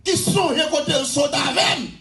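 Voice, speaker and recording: High-voiced shouting Haitian pastor. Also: male voice, moderate pace, creaky, over music. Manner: fervent preaching, often shouting, repeating phrases. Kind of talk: sermon. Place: church. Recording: echoey church hall.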